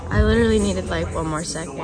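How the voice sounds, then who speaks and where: A young woman chatting candidly in a casual vlog, hoarse from a cold and hard on herself about her workouts. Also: on the low side, fast, over music. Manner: candid, self-critical, laughs often. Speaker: CrossFit athlete vlogger.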